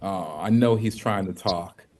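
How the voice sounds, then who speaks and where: A man hosting a casual livestream chat as co-CEO, upbeat, chatty and quick to laugh. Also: deep voice. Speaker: co-CEO and host. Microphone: video call.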